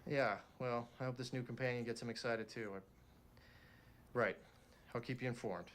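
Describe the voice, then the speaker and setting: A man's voice: medium pitch, fairly even intonation, moderate pace, fairly bright tone, slight background noise, close to an everyday voice. A young man playing an easygoing, peacemaking missionary who speaks matter-of-factly. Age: young adult.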